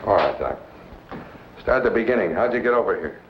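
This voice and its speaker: Old B-movie tough guy: cynical male safecracker, curt and slangy, lively pitch swings, muffled track. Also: brisk. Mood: brusque. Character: hard-boiled male safecracker, cynical and self-interested. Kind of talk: vintage B-movie film acting. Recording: muffled old film soundtrack, noisy.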